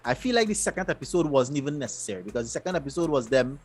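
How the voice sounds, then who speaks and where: A man, co-hosting a casual show recap and retelling scenes in an animated way. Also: medium pitch, rapid-fire, husky. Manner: animated, loose storytelling with repeated restarts. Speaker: podcast co-host.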